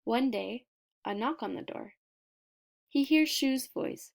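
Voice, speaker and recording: Deliberate and expressive, a woman reads a children's picture book aloud, using dramatic pauses and emphasis. Her voice is on the high side with vocal fry.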